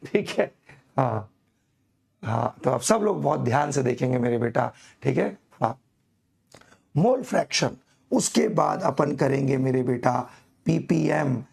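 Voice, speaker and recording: Hoarse, gravelly chemistry teacher. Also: male voice, mid-range voice, a little mellow. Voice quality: gravelly, echoing double voice. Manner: slow, coaxing, calls students "beta", laughs at himself. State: hoarse from a throat infection. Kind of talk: online live class.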